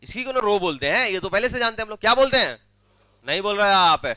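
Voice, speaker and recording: A man's voice: high-pitched, animated, fast talker, pushed and bright, dry recording. A man teaching a maths class, constantly firing repeated questions at his students and urging them to answer.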